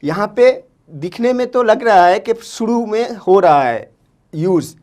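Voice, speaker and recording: A woman's voice: medium pitch, lively intonation, a little mellow. A woman teaching a children's language lesson, patiently repeating each word and spelling it out sound by sound, checking in often. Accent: Indian Hindustani. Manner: patient, repeats words slowly and syllable by syllable.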